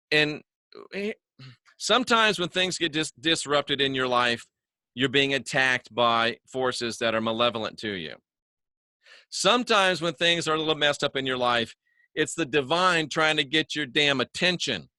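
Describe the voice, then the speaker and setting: A folksy man hosts a casual religious talk from his home studio, joking with viewers and repeating words for emphasis. His voice is bright and forceful, and the room sounds dry and close. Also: on the high side, expressive, unhurried, dry recording. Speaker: online religious talk host. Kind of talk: casual spoken monologue to viewers. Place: home studio he calls the bunker.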